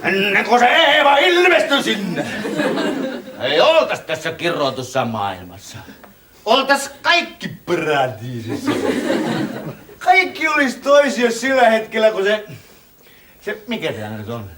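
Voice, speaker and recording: Man, comic stage monologue, tipsy wedding guest, boisterous, high voice, very lively pitch. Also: background noise. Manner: boisterous storytelling, swinging from shouts to hushed awe. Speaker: stage performer.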